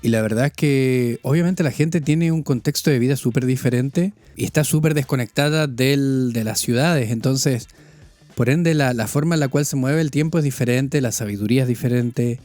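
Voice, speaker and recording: A podcast host from northern Chile, now living in France, chats casually with a Chilean accent and many restarts. His voice is mid-range and a little mellow, at a moderate pace, in a dry recording.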